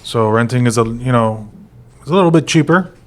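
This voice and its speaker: A little fast and medium-pitched, an American man in his forties rambles casually as co-host of a real estate podcast, using plenty of fillers along the way.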